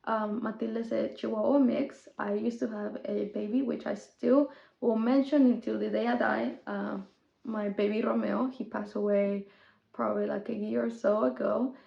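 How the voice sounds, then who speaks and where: A talkative young woman, chatting casually as a podcast host and switching between English and Spanish. Her voice sits a little high, with a gravelly edge. The sound is echoey and slightly dull. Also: steady tone, moderate pace. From Mexico. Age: 20s. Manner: chatty, code-switching, with small laughs.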